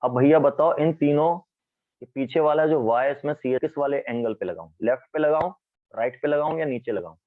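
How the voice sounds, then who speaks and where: A man teaching chemistry in a classroom lecture, lively, often asking students questions. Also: mid-range voice, moderate pace, narrow, tinny audio.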